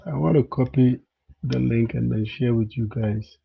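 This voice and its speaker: Medium-pitched with vocal fry and a breathy edge, this man from Ghana speaks at a moderate pace during a casual livestream with his viewers. The vlogger repeats himself and often asks "you understand?", all captured in dull, lo-fi sound.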